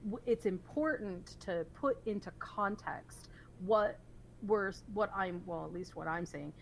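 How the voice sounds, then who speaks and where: A woman at a medium pitch co-hosting a casual podcast about a TV series. She works through her points in an animated, analytical way and keeps restarting her sentences. Faint noise hums under the recording. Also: a little slow, gravelly, poor audio. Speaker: podcast co-host. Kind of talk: casual TV recap chat.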